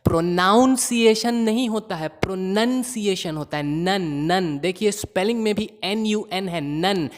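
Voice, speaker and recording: Slow, drilling male pronunciation teacher. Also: high voice, in a large hall, noisy background. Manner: slow drilling of single words, repeating them; mocking, teasing asides about common mistakes. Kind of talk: classroom pronunciation lesson.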